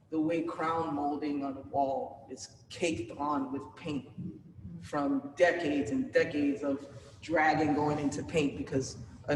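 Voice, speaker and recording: A woman's voice: sits low, noisy background. A woman from New York, an exhibiting artist, talking loosely about her work, with a lot of filler words. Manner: loose, rambling, heavy with fillers. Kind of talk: casual gallery talk. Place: art gallery, indoors. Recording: echoey hall from far off.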